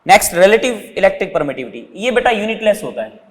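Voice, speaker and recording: High-voiced man teaching physics, echoing room. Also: sing-song, fast. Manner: explaining step by step, often asking and answering his own questions; calls his students "beta". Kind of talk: whiteboard physics lesson.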